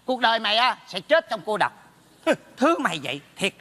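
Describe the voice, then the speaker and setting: A mocking, teasing neighbor. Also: male voice, sits high, sing-song, moderate pace, pushed and bright, long reverb tail, exaggerated voice. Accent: Southern Vietnamese. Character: meddling, teasing male neighbor. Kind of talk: stage comedy sketch.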